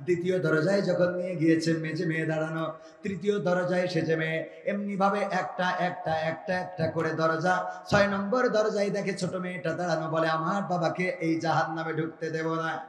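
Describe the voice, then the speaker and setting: A man preaching an Islamic sermon at an outdoor gathering, swinging between high shouted chant and low intimate speech. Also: fairly even intonation, moderate pace, reverberant, long reverb tail. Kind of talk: rhythmic shouted waz sermon.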